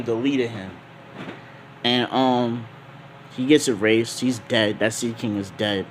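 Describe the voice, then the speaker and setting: A man's voice: medium pitch, slight background noise. A young man casually telling a made-up fan story, laid-back and slangy, rambling with lots of ums.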